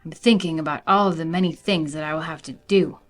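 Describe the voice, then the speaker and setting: A woman's voice: sits low, steady tone, a little fast, soft background music, close to an everyday voice. A woman voicing a grumpy, mopey male storybook toad who puts everything off, plaintive and exclamatory. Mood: glum.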